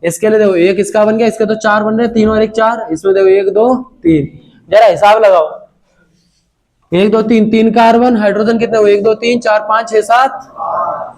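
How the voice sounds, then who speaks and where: A man's voice: sits high, fairly even intonation, moderate pace, a little mellow. A young man teaching a chemistry class online, chatty and repetitive, constantly asking students questions and calling them brother.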